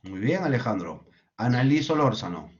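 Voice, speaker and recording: A man's voice: mid-range voice, sing-song, normal speed. A man teaching an online class, explaining step by step and often checking in with tag questions. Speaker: lecturer. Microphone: video call. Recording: dull lo-fi video call audio.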